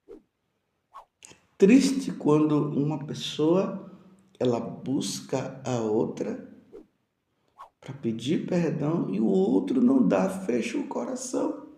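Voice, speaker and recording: Brief: priest, homily, gravelly voice, lively pitch, asks the congregation questions. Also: male voice, reverberant. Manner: preaching with rhetorical questions, addressing listeners directly.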